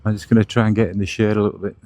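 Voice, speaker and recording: Rapid-fire and level in tone, a man with a fairly low, darkish voice narrates his motorbike ride along outdoor roads like a chatty tour guide for his motovlog. Vehicle and wind noise surround him, and there's no room sound.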